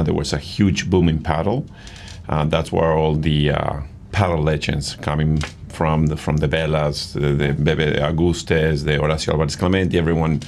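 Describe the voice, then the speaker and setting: A deep-voiced middle-aged man from Argentina chats as a guest in a casual interview. He talks with eager enthusiasm, stumbling through fillers and restarts. Faint noise sits behind his voice. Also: a little mellow. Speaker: padel coach and guest.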